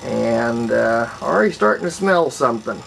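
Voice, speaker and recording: Speaking in a creaky, gravelly voice that is mid-range and fairly bright, a video host who restores things as a hobby talks through a practical demonstration. He is animated yet folksy and casual, moving at a moderate pace and unhurriedly thinking out loud. A faint layer of noise runs behind this homemade recording.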